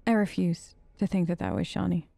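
A woman streamer with a lowish, steady, mellow voice and some vocal fry gives brisk, casual, playful commentary on her gameplay, even talking back to the game's characters. She's recorded on a close, dry mic.

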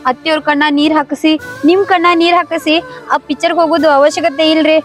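A woman with a North Karnataka accent playing a gentle young daughter-in-law who comforts her husband in a village family drama skit. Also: high voice, fairly even intonation, quick pace, faint music behind, lightly acted. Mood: pleading. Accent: North Karnataka Kannada. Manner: soft, consoling.

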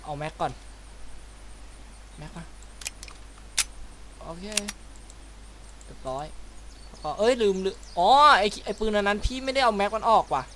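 A man's voice: sits high, sing-song, a little slow, long pauses, a little hiss or hum. A man giving casual let's-play commentary as a gaming video host, chatty and given to making little mouth sound effects. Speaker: gaming YouTuber. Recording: loud game sounds behind voice.

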